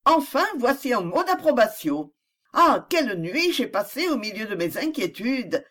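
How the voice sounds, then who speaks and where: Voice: medium pitch, big pitch swings, normal speed, a bit bright, voice pushed up. Suzanne, a proud hurt young woman, voiced by the reader. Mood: indignant. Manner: impassioned, rising pleading questions. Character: young woman, proud and wounded, quick to anger. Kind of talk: audiobook character reading.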